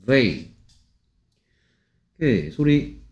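A man's voice: mid-range voice, very animated, drawn-out words, a little mellow, reverberant, muffled recording. A man teaching phonics one on one, repeating sounds and insisting that the student say them aloud. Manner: insistent, scolding and repetitive.

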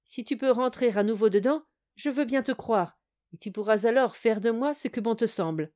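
A woman voicing a cheerful, clever young male student in an audio fairy tale, eager and quick-witted. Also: a little high, a little mellow, lightly acted.

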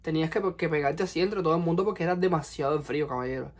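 A Cuban vlogger in his twenties tells a personal story to a camera close in front of him in his small bedroom, speaking with a Cuban Spanish accent. His fairly high voice goes very fast, and he's animated and expressive, gesturing with his hands.

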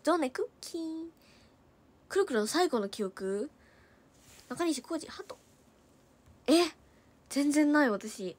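Young woman, high voice, fast casual livestream chatter, Hiroshima dialect flecks. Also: expressive. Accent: Hiroshima dialect in places. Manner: chatty, quick-talking, reads viewer comments aloud and thanks them. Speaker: idol livestreamer reading comments.

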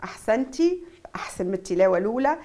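A woman with a Tunisian accent teaching Quran recitation on TV. She explains the rules and then stretches each syllable slowly to demonstrate. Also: medium pitch, very animated, warm tone. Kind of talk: TV recitation lesson.

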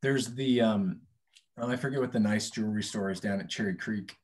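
A man in his thirties telling a casual anecdote on a video call, halting and reworking his phrases as he goes. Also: lowish voice. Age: 30s. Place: indoor room on a video call.

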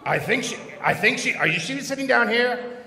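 A middle-aged man doing live comedy patter as a ventriloquist, projecting like a showman with deadpan setups. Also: very high voice, normal speed, creaky. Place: large theatre stage. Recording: echoey theatre PA, long reverb.

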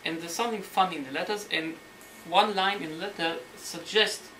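A man lecturing on history as a story, animated and sometimes searching for words, acting out the quotes. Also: high-pitched, fairly quick. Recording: roomy hall, mic at a distance, faint noise.

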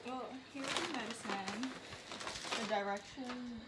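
A woman's voice: on the high side, takes it slowly. A young woman chatting casually, caught on someone else's handheld phone. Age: young adult. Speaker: military medical worker, companion. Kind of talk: casual chat. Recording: very noisy handheld phone recording.

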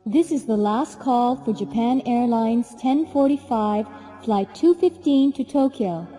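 Woman, airport intercom announcement, formal and measured, mellow tone, long reverb. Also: on the high side, soft background music. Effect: over the airport intercom. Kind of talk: scripted textbook announcement.

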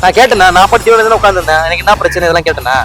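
A man with a Tamil accent, talking in hidden-camera prank banter on a park bench outdoors, complaining and ranting loudly. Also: high voice, racing, faint music behind. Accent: Tamil Nadu.

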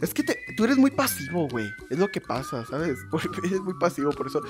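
A giggly streamer reacting live, with a voice that leaps all over in pitch. The phrases come out exclaimed and repeated, with playful swearing, while loud music plays behind. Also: big pitch swings, fairly quick. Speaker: VTuber streamer reacting to memes. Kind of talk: excited live reaction commentary, casual banter. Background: music and meme clips.

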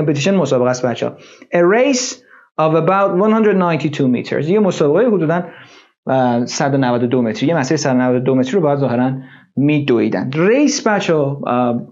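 A man's voice: mid-range voice, lively intonation, a little mellow, lo-fi sound. A man teaching English vocabulary in an online lesson, explaining and repeating words with lots of fillers.

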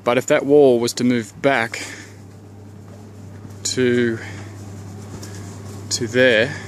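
Thinking out loud on a casual walkthrough, a homeowner shows his renovation plans outdoors, beneath a deck and in a garden, filming with a handheld camera. He talks at a medium pitch, easygoing and unhurried, often breaking off to reconsider and begin again, over a light hiss.

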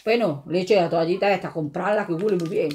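A woman's voice: on the low side, fast, a little mellow. A woman from Andalusia with an Andalusian Spanish accent, chatting casually to viewers in a home shopping vlog, joking as she goes. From Andalusia, Spain. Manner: chatty, jokey, talks to viewers as friends. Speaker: vlogger. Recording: faint background noise.

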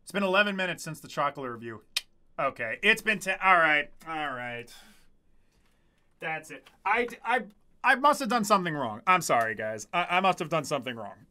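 A man in his twenties casually streams from a small, dim room, reading chat with jokes and profanity into a nearby desk microphone. His slightly high voice has a sing-song lilt and a bright, pushed quality, at a normal pace.

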